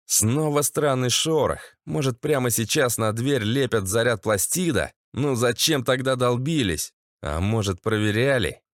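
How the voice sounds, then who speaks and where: A man's voice: medium pitch, lively intonation, unhurried, few pauses, no echo, studio quality. A man narrating a gritty first-person audiobook in a tense, sardonic manner.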